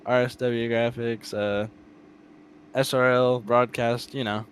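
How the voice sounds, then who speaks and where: A man answering post-race interview questions as the winner, rambling and excited, full of fillers. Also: mid-range voice, slow, slight background noise, poor audio.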